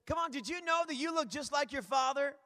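High-pitched, bright energetic preacher man. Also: fairly quick. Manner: energetic, rambling, calls out to the crowd. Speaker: guest preacher. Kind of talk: lively church sermon. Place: church hall. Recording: long hall reverb.

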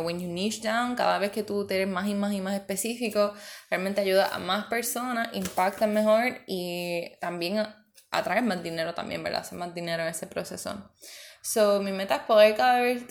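A woman hosting a casual solo podcast, chatting and slipping English words into her talk. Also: lowish voice. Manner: chatty, mixes in English words, many fillers. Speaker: podcast host and coach.

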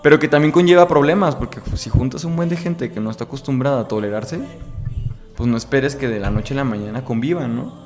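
A man's voice: mid-range voice, fast, a little mellow, faint music behind. A young man with a Mexican accent, candidly telling a personal story in an interview and dropping casual slang. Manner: candid, emotional, fond of slang.

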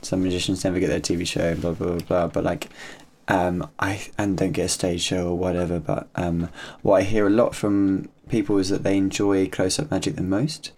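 A man's voice: sits low, little pitch movement, normal speed, few pauses, darkish tone, a little hiss or hum. A man, co-hosting a casual chat about magic videos, laughing often and acting out the people in the clips. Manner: giggly, acts out people in the clips. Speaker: podcast co-host, magician.

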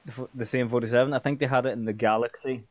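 An Irish man in easy podcast banter, mid-pitched and relaxed. He laughs between lines and swears casually. His talk is loose, jokey and quick to tease. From Ireland. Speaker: podcast co-host. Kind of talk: casual chat.

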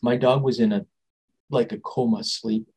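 Guy telling his story as a guest, mid-pitched voice, rambly and animated, keeps restarting. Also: moderate pace, husky, poor audio. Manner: animated, acts out quoted dialogue; rambling with restarts and trailing phrases. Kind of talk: casual storytelling in an interview.

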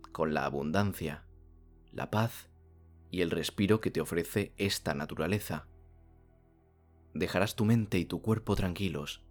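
Speaking in slow phrases separated by long pauses, a man with a low-sitting voice calmly narrates a soothing guided sleep meditation, much like someone telling a bedtime story.

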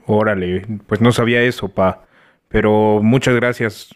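An actor playing a gloomy eleven-year-old boy with a deep, breaking voice and a Mexican accent, whining and complaining to his father. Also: fairly even intonation, a little slow, clear, resonant tone, natural voice. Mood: sulky. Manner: whiny, sulky complaining.

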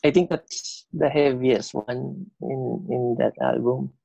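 Lisping metal singer guy, slow halting talk, gravelly, dull lo-fi sound. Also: mid-range voice, warm tone, dry recording. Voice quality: slight lisp. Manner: slow, halting, many fillers and restarts. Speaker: band vocalist, podcast guest. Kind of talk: casual interview chat.

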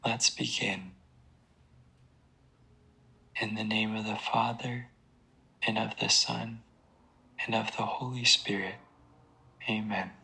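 A man leading a guided prayer and breathing meditation in a hushed, breathy, creaky voice, with a deliberate, calming delivery. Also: on the low side, poor audio. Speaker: guided sleep meditation leader.

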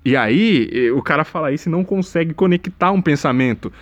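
A man giving a sarcastic, rambling casual monologue, mocking what he saw online and breaking into loud exaggerated bursts. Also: fairly high pitch, animated, lo-fi sound. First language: Portuguese. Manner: mimics a slow dazed voice when quoting.

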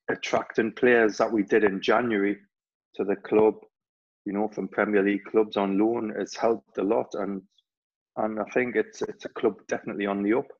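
The recording is lo-fi, and the man's voice is lowish and husky. A Newcastle native in his forties with a Geordie accent, he once played for and worked at a club. Answering interview questions, he rambles with frequent fillers and restarts.

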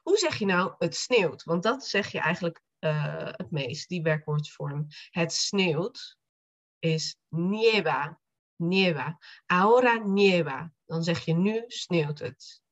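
A woman teaching Spanish in a podcast lesson, explaining slowly and repeating each phrase. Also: on the low side, animated, muffled recording.

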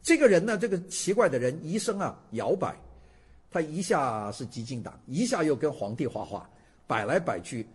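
A man's voice: fairly high pitch, big pitch swings, moderate pace, slightly rough. An older man lecturing to students in a casual storytelling way, often putting questions to the audience.

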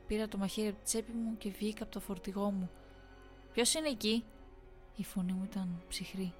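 A woman narrating a first-person horror story in a steady reading voice, sometimes addressing listeners directly. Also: medium pitch.

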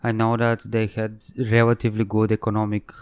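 Agreeable guy cohost, smooth clear voice, chimes in a lot. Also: lowish voice, completely flat delivery, brisk, darkish tone, no echo. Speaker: podcast co-host. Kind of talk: casual chat.

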